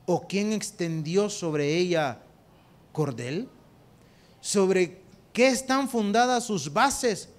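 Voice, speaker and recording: A preacher voicing God, slow and solemn. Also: male voice, high-pitched, animated, heavily acted. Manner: slow, weighty questioning. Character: solemn God of old, male, questioning a sufferer.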